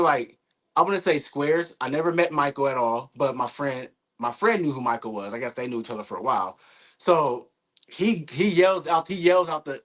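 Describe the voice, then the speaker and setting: A young man, a guest in a casual interview, telling a story in a lively, profane way, acting out what people said. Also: medium pitch, poor audio. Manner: animated, profane storytelling with acted-out quotes.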